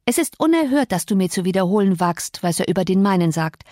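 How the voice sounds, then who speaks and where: A woman's voice: mid-range voice, animated, dark tone, no echo, studio quality, close to an everyday voice. A woman doing an earnest, fiery teenage girl. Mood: furious. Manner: earnest, quick to flare up.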